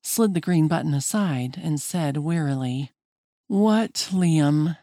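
A woman reads an audiobook in a measured, expressive way, her voice sitting a little low. The recording is dry and close, from a studio booth. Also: no echo. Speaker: audiobook narrator. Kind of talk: scripted narration.

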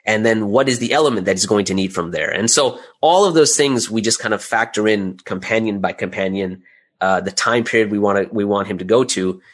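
Here a man talks a little fast in a fairly low register. He's a creator appearing as an interview guest, conversationally breaking down his process in steps while raising rhetorical questions.

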